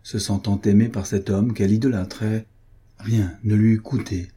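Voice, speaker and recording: A man reading a nineteenth-century novel aloud in a measured, literary narration. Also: lowish voice, flat delivery, mellow, husky. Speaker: audiobook reader.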